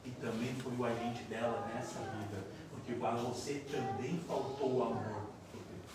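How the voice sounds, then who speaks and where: A man voicing a loving, motherly female spirit, speaking softly and low in an echoey hall. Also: lively intonation, a little slow, distant mic, heavy background noise. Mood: tender.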